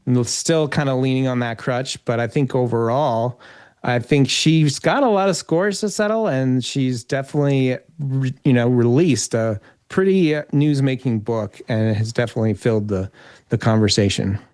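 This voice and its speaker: A man's voice: medium pitch, moderate pace, a little mellow, clean tone, dry recording. Man giving political commentary, dry close sound. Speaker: interview guest, political commentator. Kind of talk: conversational political analysis.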